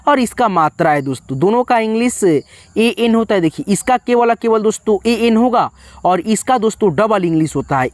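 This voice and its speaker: A man teaching an online lesson, explaining step by step and slowing down to spell out letters one at a time. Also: high voice, no room sound. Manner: explains step by step, often saying "friends" and "okay".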